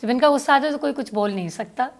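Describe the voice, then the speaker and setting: Middle-aged woman, higher voice, chatty guest, code-switching, hesitant "aa" fillers. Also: slight background noise. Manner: mixes English phrases into Urdu, hesitant fillers. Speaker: guest, restaurant owner. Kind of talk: casual interview chat.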